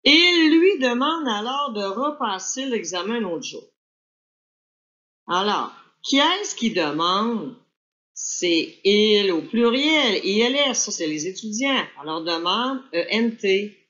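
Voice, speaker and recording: Slow woman teacher dictating. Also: mid-range voice, lively intonation, fairly bright tone. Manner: spells words out letter by letter; slow, deliberate dictation pace. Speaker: French teacher. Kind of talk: reading a dictation and correcting it. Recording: dull lo-fi recording.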